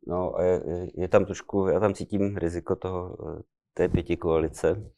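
A man with a low-pitched voice hosts a regular political talk. His speech is informal and loosely phrased, and the sound is dry with no room echo. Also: steady tone, mellow. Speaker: host. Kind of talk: political discussion.

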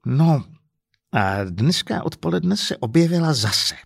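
A man voicing an indignant middle-aged husband who rants and shouts crudely about being cheated, in an audiobook story. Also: mid-range voice, sing-song, husky, no room sound, clean studio sound. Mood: furious ranting. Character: furious middle-aged man, swindled family.

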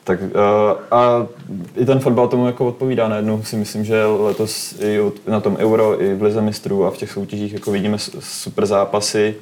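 A man with a very low, mellow voice talks football as a pundit. His phrasing rambles in a loose, colloquial way, and his delivery stays fairly flat. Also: hardly any pauses. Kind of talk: casual football discussion.

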